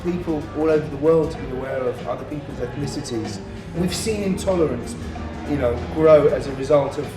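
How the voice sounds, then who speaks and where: Brief: man, mid pitch, earnest, echoey room, music under. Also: a little fast, hardly any pauses. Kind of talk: interview talk.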